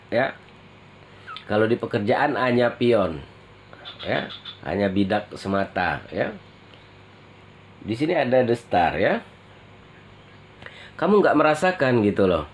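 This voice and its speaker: A man doing a tarot reading for an online audience, speaking at a very unhurried pace. He calls his viewers friends and checks in with them after almost every short phrase. His voice sits at an ordinary pitch, and he clears his throat from time to time. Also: a little hiss or hum. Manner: slow, drawn-out delivery with constant "ya" tag questions. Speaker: tarot reader.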